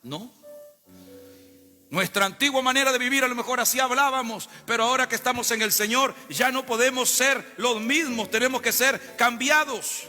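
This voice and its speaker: A man preaches in a very high, piercingly bright voice, drawing the congregation in with questions and calls to answer. His voice rings through the long reverb of a church hall, with faint music underneath. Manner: call-and-response preaching to congregation. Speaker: pastor. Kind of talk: sermon. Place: church sanctuary.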